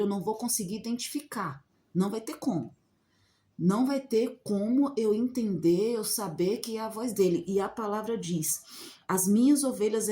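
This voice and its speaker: A woman's voice: mid-range voice, dark tone. A woman giving an informal Bible teaching, talking conversationally and asking many rhetorical questions. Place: outdoors in the sun.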